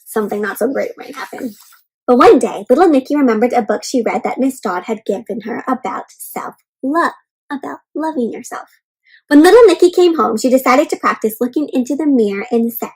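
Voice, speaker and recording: On poor audio, a woman's high-pitched voice carries lively intonation, a slightly quick pace, and a darkish, slightly rough tone. She is a children's read-aloud host sharing a storybook with young kids, stopping often to explain simply, check in, and offer encouragement and reassurance.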